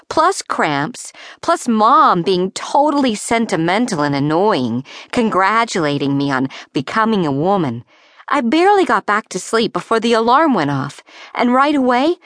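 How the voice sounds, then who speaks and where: A woman's voice: a little high, a bit bright, no room sound, studio quality. Wry, breezy woman audiobook narrator. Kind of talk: first-person audiobook narration of a teen novel.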